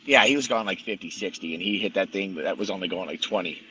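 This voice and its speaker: A man's voice: sits low, quick pace, muffled recording, background noise. A man guest telling a story in casual conversation, blunt and profane, rambling with many restarts. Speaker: podcast guest.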